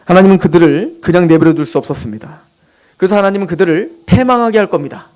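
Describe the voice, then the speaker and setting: A male pastor giving an animated, emphatic sermon with personal asides. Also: high-pitched, fast talker.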